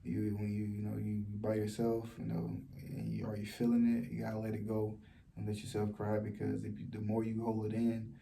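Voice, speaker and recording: A soft-spoken man talks low in a personal vlog, halting often and circling back with fillers. His voice sits low, with a gravelly edge. It stays very flat and dark throughout. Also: a little hiss or hum. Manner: speaks softly and low; halting, with many fillers and restarts. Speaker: vlogger. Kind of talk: personal vlog, sharing a story of loss.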